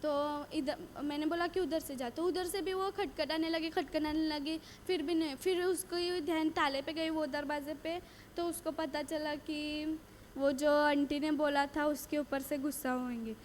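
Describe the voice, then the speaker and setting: A woman with a high, light voice shares a personal faith testimony. She tells it earnestly, doubling back on phrases and voicing each exchange of dialogue as she goes. A faint hiss of noise sits under her voice. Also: fairly even intonation, unhurried. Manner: earnest storytelling, repeating phrases and quoting dialogue. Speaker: retreat speaker giving testimony.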